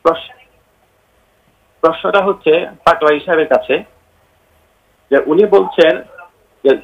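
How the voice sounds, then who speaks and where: A caller from Chattogram speaks in a slightly raised, halting voice. His words come over a dull phone-in line. Each phrase echoes back where his television feeds into the call. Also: a little high. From Chattogram, Bangladesh. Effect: echoing call line with the TV sound feeding back. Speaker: caller to a TV talk show. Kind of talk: phoning in a question.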